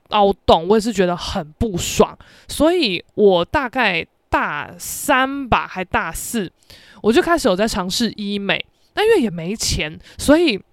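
A young woman, hosting a podcast and telling a story in a lively, dramatic, self-mocking way. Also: mid-range voice, no echo, clean studio sound. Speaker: podcast host. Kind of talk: casual storytelling monologue.

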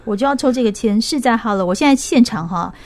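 A woman with a Taiwanese Mandarin accent hosting a lively radio interview in a playfully challenging way, full of interjections. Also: fairly high pitch, fast talker. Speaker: radio host.

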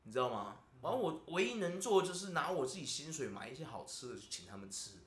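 A man's voice: on the high side, sing-song, quick pace. A man with a Taiwanese Mandarin accent, hosting a podcast and venting in casual chat, constantly asking "you know?". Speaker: podcast host. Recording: roomy echo.

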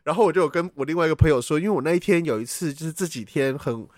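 A man's voice: a little high, racing, no room sound, clean studio sound. A man, hosting a casual podcast and animatedly telling a dream story, acting out sounds as he goes. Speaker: podcast host.

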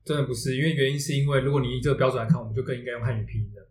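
Speaking very fast in a steady, darkish, medium-pitched voice, this Taiwanese-accented man co-hosts a podcast. He explains things casually and is quick to argue his point, with roomy echo and faint background noise around him.

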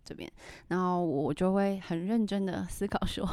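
A woman's voice: on the low side, moderate pace, a little mellow, no echo. A woman hosting a podcast in casual chat, laughing often and acting out the reactions she quotes. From Taiwan. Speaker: podcast host.

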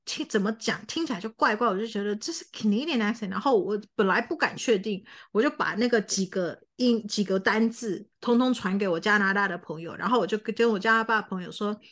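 A woman's voice: medium pitch, brisk, hardly any pauses. A woman from Canada who speaks English with a Canadian accent, co-hosting a casual podcast chat and telling stories in Mandarin mixed with English words. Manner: mixes English words into Mandarin, lively storytelling. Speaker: podcast co-host and actor.

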